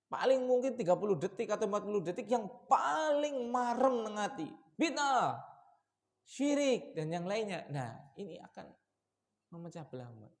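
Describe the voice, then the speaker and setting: A man preaching at a mosque study session, asking his listeners questions and shifting between raised warnings and quiet asides. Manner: lively, shifts from loud warnings to low asides, asks the audience questions. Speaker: Islamic preacher.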